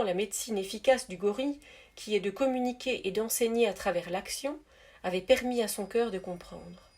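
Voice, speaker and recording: A woman reading a spiritual story aloud in a soft, measured, gentle narrating voice. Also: mid-range voice. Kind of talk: calm read-aloud storytelling.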